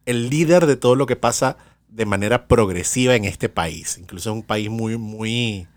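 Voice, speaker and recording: A man's voice: fairly low pitch, moderate pace. A man co-hosting a podcast, chatty and digressive, with frequent restarts. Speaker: podcast co-host. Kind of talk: casual podcast chat.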